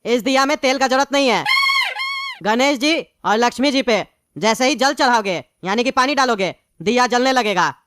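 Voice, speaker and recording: A woman's voice: fairly high pitch, lively intonation, moderate pace, a bit bright, dry recording. A woman voicing a cheerful cartoon father who explains and promotes a product in an upbeat manner. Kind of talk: cartoon voice acting.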